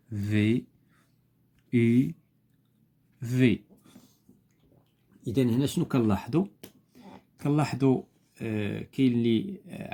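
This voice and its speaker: Patient Moroccan man as teacher, warm low-toned delivery, spells things out methodically. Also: husky. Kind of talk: explaining homework step by step.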